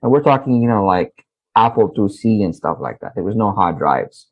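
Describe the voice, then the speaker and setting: Laughing, animated male storyteller. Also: lowish voice, moderate pace, slightly rough, highs cut off. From Saudi Arabia. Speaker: interview guest. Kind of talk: storytelling in an interview.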